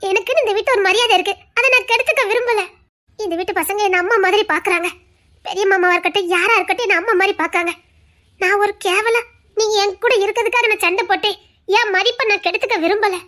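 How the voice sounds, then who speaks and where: Audio drama: woman playing a squeaky, piercing young wife, hurt and pleading. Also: fairly even intonation, fast. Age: young adult. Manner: tearful, pleading, rising to shouts.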